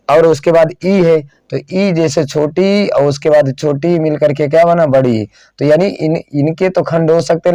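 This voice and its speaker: A man teaching a lesson, slowly repeating phrases and asking questions that he then answers himself, sometimes drawing words out as he writes on a board. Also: on the high side, mellow, no room sound. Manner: drawn-out dictation while writing on a board. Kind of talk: classroom lesson.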